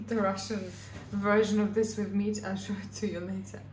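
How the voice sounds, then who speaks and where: A woman friend chatting casually while cooking at home, curious and quick to laugh, asking lots of questions. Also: medium pitch, flat delivery, a little mellow. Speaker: friend of the host. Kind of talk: casual kitchen chat. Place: home kitchen. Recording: roomy, from far off, noisy.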